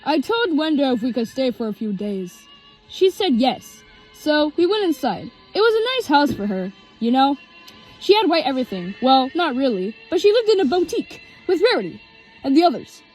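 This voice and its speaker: A woman reading her own homemade story aloud, in a halting way with restarts. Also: high voice, big pitch swings, a little mellow, soft background music.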